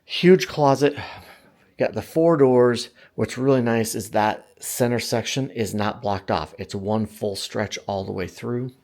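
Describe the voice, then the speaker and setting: A man's voice: medium pitch, unhurried, a little mellow. An American man working as a real estate agent, giving a casual, enthusiastic walk-through home tour and talking up the features to viewers. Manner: enthusiastic sales talk, emphasising features. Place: inside a house, walking room to room.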